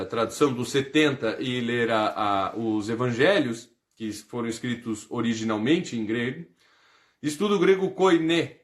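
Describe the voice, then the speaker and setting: Hesitant Brazilian man teaching Greek. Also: medium pitch. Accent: Brazilian Portuguese. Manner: hesitant, many fillers and tag questions. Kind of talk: unscripted lecture.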